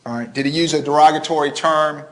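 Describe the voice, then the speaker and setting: Higher-voiced male prosecutor, courtroom recording. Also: level tone, fast, fairly bright tone. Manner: methodical, step-by-step questioning. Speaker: prosecutor questioning a witness. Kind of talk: formal courtroom questioning.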